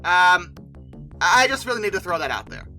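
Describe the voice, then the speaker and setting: Speaking at normal speed, this video host chats about dinosaurs in films with a very bright, forceful, mid-to-high voice full of pitch movement. Music runs underneath while the talk wanders, stalls, and self-corrects in an emphatic, casual way.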